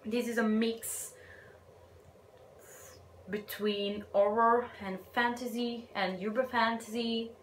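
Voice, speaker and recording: Slightly high and fairly even in intonation, this young Italian woman's voice carries her Italian accent through a casual book review vlog. She is slow, shy and hesitant, dropping to whispers at times. Faint ambient noise and echo fill the room.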